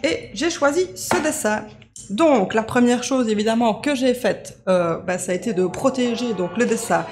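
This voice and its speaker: A woman's voice: a little high, moderate pace, darkish tone, soft background music. A woman hosting a coloring craft video, chatting casually with many fillers and joking at herself. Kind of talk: casual coloring tutorial chat.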